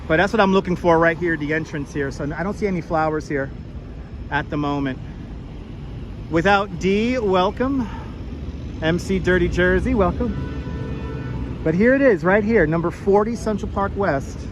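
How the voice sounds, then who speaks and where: On busy city streets near the edge of a park, a man with a high voice guides a live walking tour for online viewers, projecting as he points out the sights. He speaks at a normal speed but pauses often. Traffic and city noise are clearly audible in the background.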